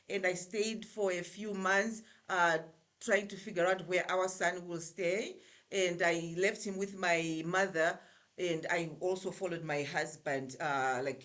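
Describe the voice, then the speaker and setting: A woman's voice: fairly low pitch, fairly bright tone. A middle-aged woman with a Zimbabwean accent, a guest telling her story in a casual interview over a remote call, full of fillers and restarts. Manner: chatty, with many fillers and restarts.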